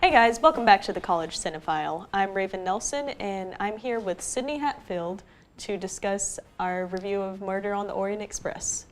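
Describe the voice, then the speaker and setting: A woman's voice: mid-range voice, lively intonation, moderate pace, faint music behind. A young woman co-hosting a casual film review, opinionated and nitpicky, often restarting her sentences. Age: young adult. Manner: opinionated, nitpicky, self-interrupting.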